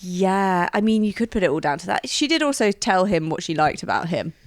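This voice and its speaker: A woman co-host in casual chat, giggling and animated, her pitch leaping around as she retells moments. The sound is dry and close, with no room around her. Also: fairly quick, no room sound. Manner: chatty, giggly, acts out quoted lines. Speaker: podcast co-host.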